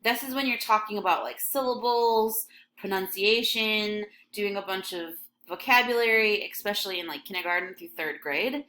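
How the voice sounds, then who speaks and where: This recorded classroom lesson, played over scrolling text, features a young woman from Michigan with a light Michigan accent. Her medium-pitched voice is sharp and moves at a moderate pace, with slight background noise. She teaches English casually and chattily, dropping plenty of ums and likes.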